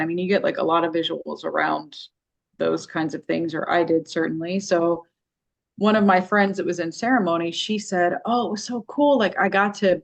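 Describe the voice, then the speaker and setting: Woman with kinda gravelly low voice chatting about spirit stuff, says like a lot. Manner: chatty, lots of "like", storytelling. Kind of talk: casual spiritual chat.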